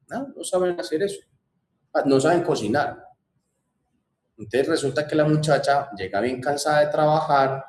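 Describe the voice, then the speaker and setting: A man's voice: medium pitch, darkish tone, roomy sound. A man teaching a class in a conversational way, repeating points and asking rhetorical questions. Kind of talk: classroom lecture.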